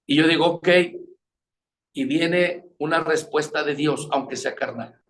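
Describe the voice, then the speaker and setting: A man preaches about marriage, with a somewhat high voice. He keeps asking his listeners questions. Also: a little slow, fairly bright tone, a little hiss or hum. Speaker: pastor teaching on marriage. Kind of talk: sermon.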